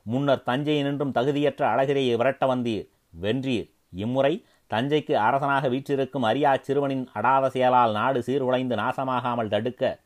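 A man voicing a scheming, treacherous male courtier who speaks in a flattering, persuasive way, in a dramatic story reading. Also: medium pitch, moderate pace, natural voice.

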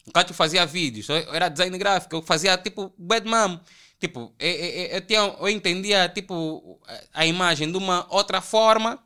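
A young man from Angola with an Angolan Portuguese accent, telling animated, slangy stories as a podcast guest. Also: sits high, normal speed, clear, resonant tone. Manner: animated, slangy, acts out quoted voices. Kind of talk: casual storytelling chat.

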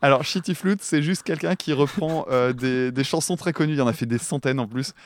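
A man co-hosting a casual music podcast, animated, laughing often and swearing casually as he reviews song covers. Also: medium pitch, brisk, a little hiss or hum. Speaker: podcast co-host; schoolteacher.

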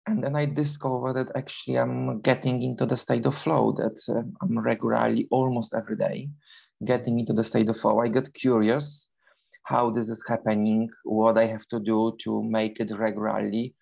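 A man's voice: mid-range voice, little pitch movement, normal speed, gravelly, a little mellow. A man in his forties from Poland with a Polish accent, a guest in an interview who talks casually with many fillers and restarts. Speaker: guest, long-distance runner.

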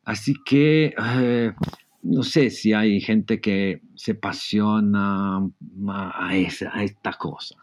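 A man's voice: fairly low pitch, takes it slowly. A man from Italy with an Italian accent, a guest in a casual interview, hesitantly searching for words in non-native Spanish. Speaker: podcast guest, amateur astronomer.

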